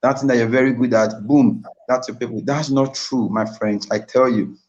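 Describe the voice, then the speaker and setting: A man's voice: mid-range voice, steady tone, moderate pace, a little mellow. Young nigerian guy talking straight to the audience on a live stream, repeats himself for emphasis, a bit muffled. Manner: earnest, repetitive storytelling, addresses the audience directly. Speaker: invited speaker. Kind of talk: live-streamed motivational talk.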